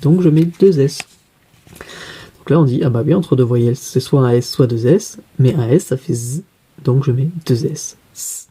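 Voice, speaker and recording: A male teacher with a very dark, mellow voice and a husky edge. He talks through a spelling lesson patiently, asking a question and then answering it himself step by step. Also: medium pitch, moderate pace.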